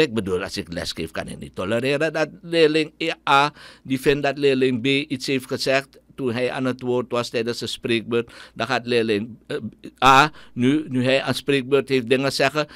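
A man's voice: mid-range voice, a bit bright, no echo. A middle-aged man with a Surinamese Dutch accent, giving an indignant, scornful opinion monologue as a radio commentator.

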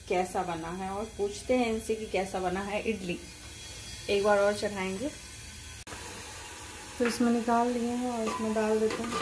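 A woman's voice: fairly high pitch, noisy background. A woman explaining her cooking step by step on a family vlog. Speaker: vlogger, mother. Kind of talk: casual cooking vlog talk.

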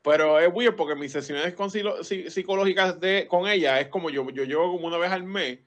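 A man's voice: high voice, a little fast, a bit bright. A rambling, profane man. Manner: rambling, profane storytelling with lots of restarts. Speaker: podcast guest. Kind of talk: casual chat.

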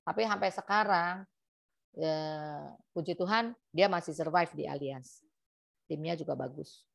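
A woman's voice: low-pitched, measured pace, vocal fry, no echo. A middle-aged woman, telling sales stories to colleagues in a casual way and acting out the dialogue. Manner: lively, acts out dialogue in quotes. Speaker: insurance agent sharing experience.

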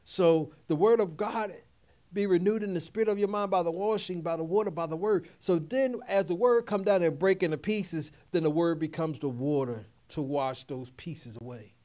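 A man's voice: fairly high pitch, moderate pace, darkish tone. A middle-aged man preaching a sermon, emphatic and repetitive, calling out questions to his congregation. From Philadelphia area. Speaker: pastor.

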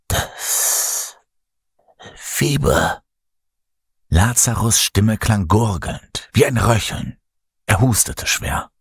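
Male horror audiobook narrator, deep husky voice, very slow and deliberate, dry close sound. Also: no room sound. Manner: measured, dramatic storytelling.

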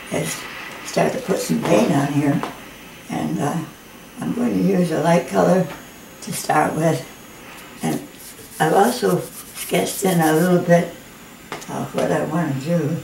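An elderly woman in her eighties with slightly slurred speech from missing teeth, talking in an earnest, halting, plainspoken way as in a homemade personal video. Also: low-pitched, creaky, mellow, roomy sound, poor audio. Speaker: amateur watercolor painter and video maker. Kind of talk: personal testimony and casual painting demonstration. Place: living room at home, indoors. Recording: noticeable background noise, amateur home recording.

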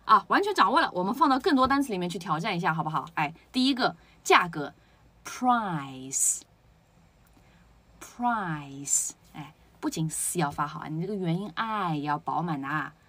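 Woman, pronunciation teacher, husky voice, animated pitch, drills words aloud. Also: quick pace, few pauses. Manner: explains step by step, asks rhetorical questions, drills words aloud. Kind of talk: spoken lesson.

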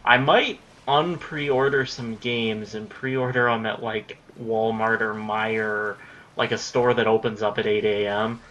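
While playing a game, a young man in his late teens chats loosely about what he plans to record, cursing whenever something goes wrong. Fairly low in pitch and a bit bright, he speaks a little slowly with fairly even intonation. The audio sounds dull.

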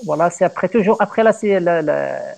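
Un homme, professeur, donne un cours de poésie française en visioconférence, patient et guidant ses élèves. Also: male voice, sits high, animated, moderate pace, creaky, crowd noise. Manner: patient, guiding, repeats praise. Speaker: teacher. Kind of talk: online French poetry lesson.

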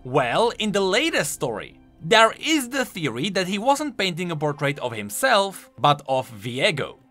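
This explainer comes from a male YouTuber who covers video game lore, narrating unhurriedly in a fairly high, bright voice. Background music runs while he delivers emphatic points with the vivid intonation of an enthusiastic gaming commentator.

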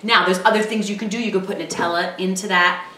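A woman in her thirties with a bright, forward voice, cheerfully walking through a snack in her home kitchen. She chats in an upbeat, encouraging way. The sound is roomy and picked up from a distance. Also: mid-range voice, steady tone, fast. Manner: upbeat, chatty, encouraging tips. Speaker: cooking show host, mother. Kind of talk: casual cooking demonstration with her daughter. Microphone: far camera mic.

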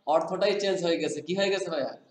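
A man's voice: high-pitched, fast, echoey room. A man teaching Quran reading rules in conversation, often asking his student to repeat the answer back to him.

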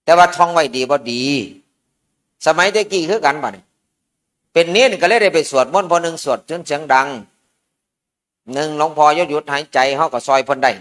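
Isan monk for a relaxed ceremony sermon, slightly high male voice, folksy and joking. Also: normal speed, pauses often. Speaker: Buddhist monk. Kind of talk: informal sermon at a merit-making ceremony.

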